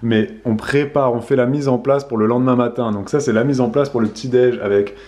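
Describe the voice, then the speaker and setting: A man hosting a casual family vlog, talking in a halting way as he thinks aloud. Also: medium pitch, steady tone, darkish tone. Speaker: vlog host.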